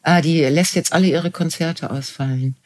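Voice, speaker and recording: A woman's voice: low voice, moderate pace, darkish tone. A woman co-hosting a podcast from home, chatting eagerly and often trailing off mid-sentence before starting over. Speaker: podcast co-host. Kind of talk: casual chat.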